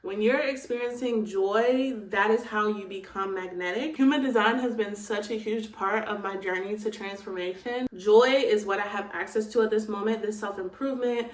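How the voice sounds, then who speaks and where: A woman's voice: medium pitch, normal speed, hardly any pauses. A woman vlogging casually to her phone, candid and reflective, peppering her talk with "like" and "girl". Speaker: lifestyle vlogger. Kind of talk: casual vlog chat. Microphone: phone camera. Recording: roomy sound from away from the phone.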